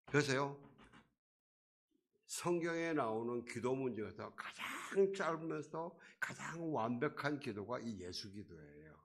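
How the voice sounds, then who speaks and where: A man pastor preaching a sermon in a church, swinging between quiet and loud and briefly acting out the voices of a crowd and a beggar. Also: medium pitch, expressive, unhurried, vocal fry. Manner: acts out crowd and beggar voices, rising and falling loudness. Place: church sanctuary.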